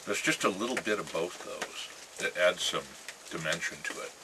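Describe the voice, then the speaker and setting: An American man chatting casually in a rambling vlog, musing and halting, with phrases that trail off. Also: low voice, lively intonation. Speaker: pipe-smoking vlogger. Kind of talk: casual rambling chat to camera. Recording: clear ambient noise with birdsong.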